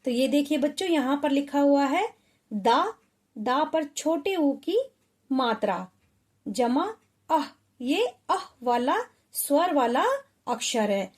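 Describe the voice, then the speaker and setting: A woman's voice: sits high, animated. A woman teaching spelling to children, sounding out letters one by one and checking in often. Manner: sounds out letters slowly, often asks "ठीक है". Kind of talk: slow, patient spelling lesson.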